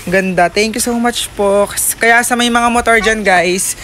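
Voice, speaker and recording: A man's voice: high voice, fairly even intonation, unhurried, pushed and bright, a little hiss or hum. A man with a Southern Tagalog accent vlogging casually to camera and to a child in a playful, teasing, exclamatory way.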